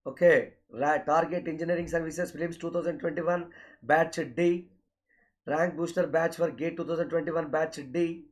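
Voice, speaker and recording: Higher-pitched South Indian male teacher. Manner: repetitive, often addresses students directly with filler okays. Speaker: online exam-coaching teacher. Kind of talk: lecture-style announcement of courses and schedules.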